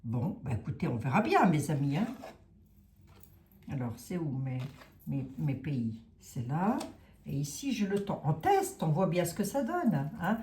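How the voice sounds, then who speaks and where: A woman's voice: sits low, sing-song, unhurried, warm tone, reverberant, slight background noise. Musing woman with a Lorraine accent. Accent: Lorraine French. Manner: musing, thinking aloud with many fillers. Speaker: tarot reader. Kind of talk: casual tarot reading livestream.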